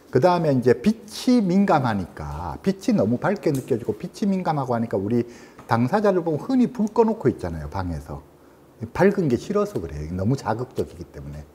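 A man in his sixties lectures as a psychologist, his husky voice mellow and dark. His pitch swings widely as he stresses points, rising sharply and then dropping low as he explains things patiently. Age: 60s. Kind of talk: educational lecture.

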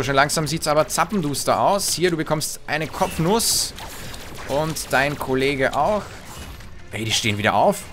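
Slow, joking gamer commentating a shooter. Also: male voice, mid-range voice, a bit bright, a little hiss or hum. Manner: joking, playful, talks to enemies and teammates. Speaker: let's play host. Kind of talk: gameplay commentary.

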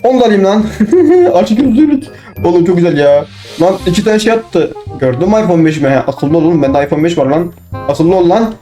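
A young man commenting on his own gameplay, excitable, talking to himself and bursting into shouts. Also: high-pitched, quick pace, faint music behind. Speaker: gaming channel host.

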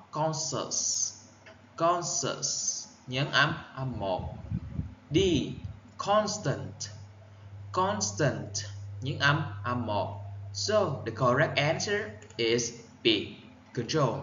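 A male English teacher with a Vietnamese accent, giving an exam-prep lesson. He reads words out carefully, repeats them for pronunciation and explains in quick bursts. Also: mid-range voice, pushed and bright, echoey room, highs cut off, a little hiss or hum. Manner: reads answer options slowly, then explains in quick bursts.

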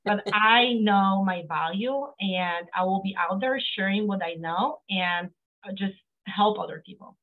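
Her medium-pitched voice is unhurried as this Polish-accented, middle-aged accountant from Poland chats as an interview guest via video call. She's earnest, with lots of fillers and restarts, speaking from her home office over phone-like narrow audio.

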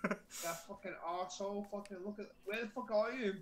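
A man's voice: sits high, fairly even intonation, brisk, a little hiss or hum. A Scottish man chatting casually while gaming, swearing a lot and rambling repetitively in a drunken way. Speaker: gamer playing Minecraft with a friend.

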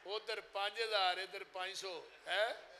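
A man's voice: high-pitched, steady tone, unhurried, background noise. A man preaching with a Punjabi accent, chanting verses and telling stories with fervor. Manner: alternates chanted poetry and fervent storytelling. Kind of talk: Punjabi sermon with sung verses.

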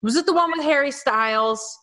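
A woman hosting a casual podcast chat, telling stories in a chatty, lively way. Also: high-pitched, a little fast. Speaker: podcast host.

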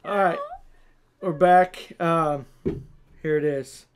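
Woman host of a home food vlog, chatty and laughing, low voice, faint background noise. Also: slow. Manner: chatty, laughing, eating between lines. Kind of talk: casual chat during a food challenge.

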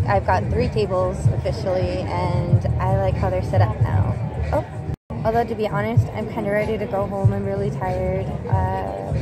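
A woman selling her art prints at a market table, chatting casually into a phone camera with rambling fillers. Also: mid-range voice. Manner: rambling, upbeat, lots of fillers and "like". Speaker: artist selling prints, vlogger. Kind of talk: casual vlog chat. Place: vendor table at a busy market. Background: loud music.

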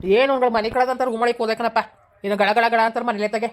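A woman with a rural Karnataka Kannada accent, playing a village elder who soothes and scolds to calm a family quarrel. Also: a little high, fast, lightly acted. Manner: soothing, scolding, gives advice.

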